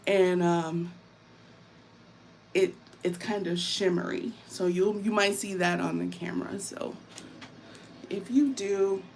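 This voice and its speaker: A warm, welcoming woman chats casually as a live-stream host. Her voice sits fairly low and has a crackly fry in it. She takes an unhurried pace and often repeats phrases, with faint noise behind her. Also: fairly even intonation. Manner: warm, welcoming, greets viewers by name; informal, repeats phrases for emphasis. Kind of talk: casual live-stream chat while painting.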